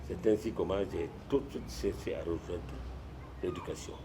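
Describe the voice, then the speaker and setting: A man's voice: low voice, normal speed, gravelly, background noise. An older man from Guinea, a retired sports administrator telling stories in an interview, with frequent restarts and repetitions. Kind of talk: storytelling in a sit-down interview.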